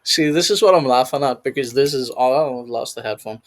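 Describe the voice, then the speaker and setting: A man's voice: medium pitch, steady tone, brisk. A man hosting a casual reaction video, rambling and laughing often as he comments. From United Kingdom.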